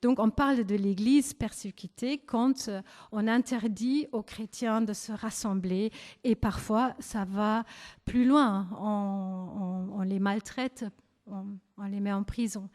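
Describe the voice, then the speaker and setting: A woman with a German accent leading a church service, speaking gently and hesitantly with frequent pauses and self-corrections. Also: medium pitch, fairly even intonation. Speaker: service leader. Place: church hall. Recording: long church-hall reverb.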